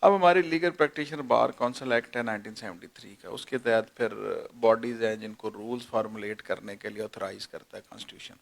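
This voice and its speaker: A man's voice: mid-range voice, gravelly. Man in his forties, lecturing. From Pakistan. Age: 40s. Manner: measured, lecturing with everyday examples. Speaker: senior advocate. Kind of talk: explanatory interview answers.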